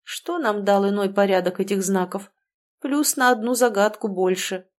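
A woman voicing a gruff, blustering middle-aged village man in an audiobook. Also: mid-range voice, moderate pace, close to an everyday voice. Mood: grumbling. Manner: barking, blustering.

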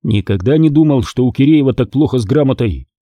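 Man voicing a calm, quiet army captain. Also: medium pitch, brisk, no echo, natural voice.

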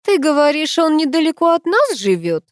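A woman's voice: high-pitched, very animated, dry recording, clean studio sound, pitched above the performer's own voice. A woman voicing a strict, proud grandmother in an audiobook. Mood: stern. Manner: stern, measured.

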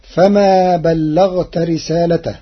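Slow, husky man giving a radio lesson. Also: on the high side, fairly even intonation. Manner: measured, deliberate, drawing out quoted words. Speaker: Quran reading teacher. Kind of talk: formal explanatory radio lesson. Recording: dull lo-fi old radio broadcast.

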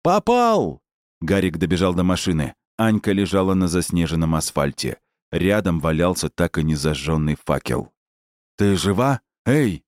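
A man narrates a novel in steady, measured scripted narration. His voice sits low and the sound is dry and close, with no room around it. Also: no echo. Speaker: audiobook narrator.

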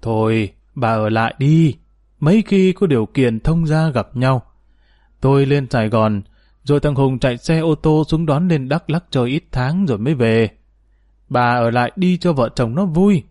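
Man doing a gentle older grandfather, lowered voice. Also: expressive, moderate pace, no room sound, clean studio sound, close to an everyday voice. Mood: coaxing.

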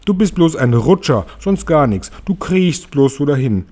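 A man's voice: fairly high pitch, sing-song, moderate pace, a little mellow, pitched above the performer's own voice. A man voicing a proud, boastful giant centipede in a read-aloud storybook, showing off and mocking the others.

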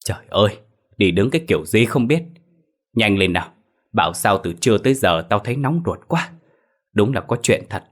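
Haughty old village official, deep and shaky, as a male narrator puts him on. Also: animated, fairly quick. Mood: agitated. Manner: trembling, then shouting.

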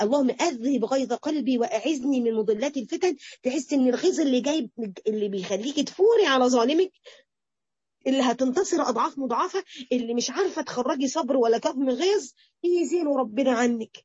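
Fast, high-voiced Egyptian woman teaching. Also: breathy edge, no echo, muffled recording. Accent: Egyptian Arabic. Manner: animated, acts out quoted speech. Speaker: religious teacher. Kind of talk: Quran interpretation lesson to women.

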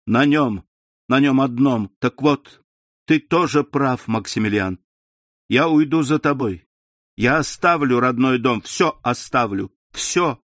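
A man's voice: mid-range voice, slow pace, fairly bright tone, dry recording. A man voicing a young woman in love in a storybook reading, pleading and emotional. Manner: emotional, imploring delivery.

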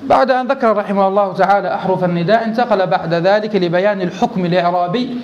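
A man's voice: high-pitched, racing, dull audio. A male sheikh teaching a grammar lesson, explaining verses step by step and asking and answering his own questions.

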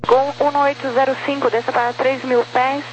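A woman's voice: sits high, flat delivery, a little fast. A woman working as an air traffic controller, issuing terse procedural instructions over the radio. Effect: radio transmission.

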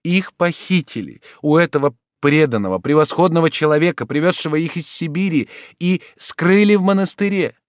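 A man's voice: on the high side, lively intonation, moderate pace, few pauses, dry recording, studio quality, voice pushed up, natural voice. A man reading an audiobook voices a young noble lady, earnest and pleading. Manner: pleading, exclamatory.

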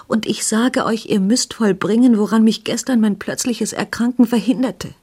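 A reader voicing a weak, feverish young woman who pleads in hushed, hurried speech in a radio story reading. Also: medium pitch, breathy edge, voice pushed up, natural voice. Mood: urgent whisper.

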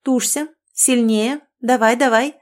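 A brisk, no-nonsense nurse in a delivery room, put on by a woman reading a story. She barks orders loudly and urges the patient on like a crowd at a stadium, pitched above the reader's own voice. It is read as a storybook scene. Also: steady tone, close to an everyday voice. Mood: commanding. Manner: loud, commanding, cheering on. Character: brisk bossy female midwife nurse.

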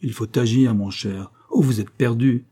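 A man playing an energetic, impatient detective who speaks in brisk, scolding exclamations. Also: medium pitch, natural voice.

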